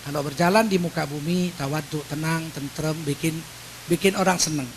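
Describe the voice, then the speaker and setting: A man's voice: fairly high pitch, normal speed, slight background noise, poor audio. A middle-aged man preaching in a mosque, telling stories with acted quotes and sound effects. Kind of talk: mosque sermon with storytelling.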